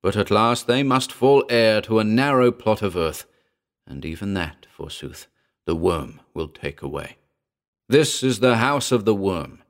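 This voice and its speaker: A man voicing a fanatical worm-worshipping priest who chants and declaims a litany in a dramatic horror-story reading. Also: on the low side.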